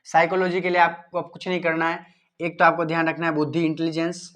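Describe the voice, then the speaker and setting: A man's voice: fairly high pitch, completely flat delivery, fast talker, fairly bright tone. A male teacher giving informal, repetitive exam-preparation advice and talking straight to his students. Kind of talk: exam-prep study advice lesson.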